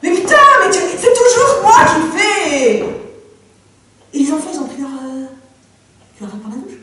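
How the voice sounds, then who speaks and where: Actress playing an exasperated, shouting wife. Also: female voice, high voice, expressive, measured pace. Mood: furious. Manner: exasperated, swearing, rising to shouts. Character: worn-out working wife and mother, furious. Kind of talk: stage monologue. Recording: echoey stage from far off, faint noise.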